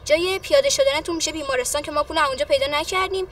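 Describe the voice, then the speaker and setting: Sharp young sleuth, high lively voice, logical questioning, distant sound, faint music. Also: female voice, a little hiss or hum. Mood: probing.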